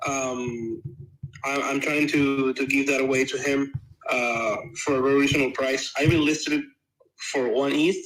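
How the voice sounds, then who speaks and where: Man, casual, laid-back, monotone, restarts sentences. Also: mid-range voice, normal speed, low-quality recording. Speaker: domain seller pitching a name. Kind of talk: casual chat.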